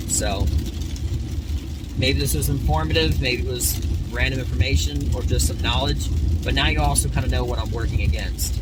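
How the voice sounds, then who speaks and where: A man speaking in a casual, unscripted podcast monologue, halting as he thinks aloud while driving through rain. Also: mid-range voice. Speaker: podcast host, comedian. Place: inside a car, driving in rain. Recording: noisy car, distant mic, rain. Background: rain and car noise.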